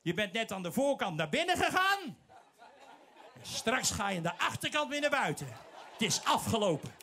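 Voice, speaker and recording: A male preacher voicing a sneering male devil who taunts a prisoner, loud and mocking. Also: extremely high pitch, big pitch swings, moderate pace, some chatter behind, slight background noise, full character voice. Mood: taunting.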